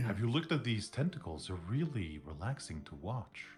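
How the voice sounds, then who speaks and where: A man's voice: on the low side, big pitch swings, normal speed, darkish tone. A man playing a tabletop game, distracted and giggly, stumbling over his words. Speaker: player.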